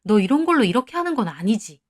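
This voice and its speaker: A woman voicing a bossy, sharp-tongued older mother-in-law in a spoken story. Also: very animated, fast talker. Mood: placating. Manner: shrill and bossy.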